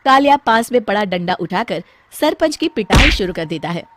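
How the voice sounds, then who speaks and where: A woman's voice: mid-range voice, very animated, moderate pace, noisy background. A woman storyteller delivering scripted narration for a cartoon tale.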